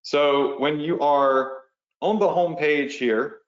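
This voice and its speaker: A man's voice: on the high side, slow, echoey room, muffled recording. A man hosting a live online training, casual and chatty, walking viewers through steps and checking in with them often. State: has the hiccups. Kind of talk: casual live webinar walkthrough.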